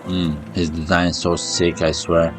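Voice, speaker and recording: A man with a low voice reacts casually on camera. He gets excited, swears freely and fills his talk with "you know" and "like". Faint music plays behind him. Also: a little slow. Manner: excitable, swears, many fillers. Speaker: reaction video host.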